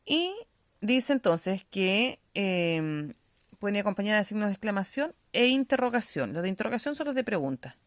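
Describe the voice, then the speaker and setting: A woman's voice: mid-range voice, big pitch swings, moderate pace, dry recording. A woman teacher leads a reading-comprehension lesson at a patient, explanatory pace. She keeps checking in with her pupils as she goes. The recording is close and dry, with no room sound.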